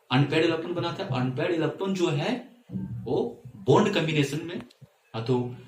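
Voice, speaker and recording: A male chemistry teacher giving a whiteboard lesson, asking and answering his own questions and checking in with students. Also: mid-range voice. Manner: asks and answers his own questions, repeats "theek hai". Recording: echoey room, mic at a distance.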